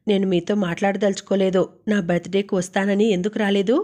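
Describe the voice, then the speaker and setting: A woman voicing a gentle, wistful young working woman talking with her roommate and father. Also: medium pitch, level tone, brisk, lightly acted.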